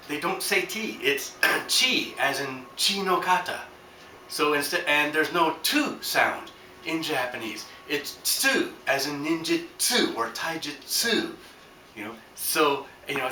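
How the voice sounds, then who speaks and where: Rambling and joking through a casual Japanese lesson on his podcast, a man fills the talk with asides and fillers. His voice is a little high, pushed and bright. A faint hum sits under the roomy, distant-mic sound.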